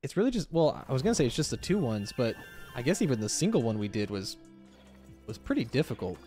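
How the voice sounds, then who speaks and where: A man's voice: mid-range voice, sing-song, fast talker, warm tone, soft background music. A man hosting a gaming video, giving casual, off-the-cuff commentary as he plays. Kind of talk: casual let's-play commentary.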